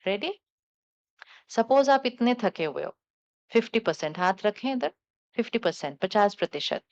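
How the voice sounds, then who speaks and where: Woman, spiritual teacher, calm and coaxing, questions the audience, smooth voice, dull lo-fi sound. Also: medium pitch, moderate pace. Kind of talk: spiritual talk to a live audience.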